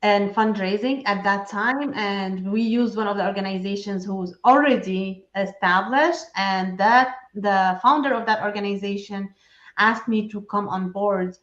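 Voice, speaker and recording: A woman's voice: mid-range voice, unhurried. A middle-aged woman from Syria talks through a video call, earnest and chatty, with plenty of fillers and restarts. Her voice sits in the middle range. The sound is roomy and a little muffled. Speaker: guest, enrolled agent for nonprofits. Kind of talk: casual interview talk.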